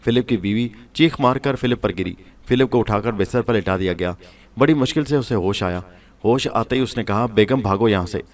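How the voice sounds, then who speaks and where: A man narrating a scripted horror story in a steady storytelling manner. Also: medium pitch.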